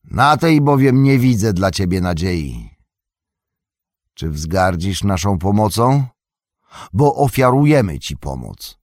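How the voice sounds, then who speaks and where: A man's voice: fairly low pitch, sing-song, slow, pauses often, a little mellow, no room sound, studio quality. Gandalf, a man reading a stern old wizard. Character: stern old male wizard, grave and calm.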